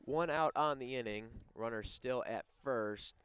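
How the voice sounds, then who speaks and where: A young man doing play-by-play for a high school baseball game, bantering with his partner between pitches. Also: a little slow, fairly bright tone, smooth. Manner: banters and teases his co-announcer. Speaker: play-by-play announcer.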